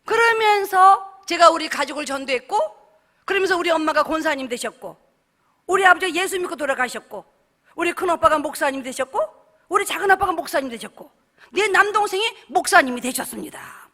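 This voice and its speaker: High, bright-voiced woman telling a testimony. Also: a little fast. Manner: animated storytelling, acting out dialogue. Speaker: church deaconess giving testimony. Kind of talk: sermon testimony.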